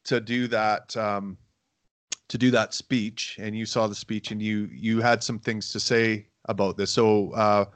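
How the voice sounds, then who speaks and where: A middle-aged man hosts a casual podcast chat in a low, fairly flat voice. He rambles through his points with many fillers and restarts. The sound is dry and close. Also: unhurried, dry recording. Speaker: podcast host.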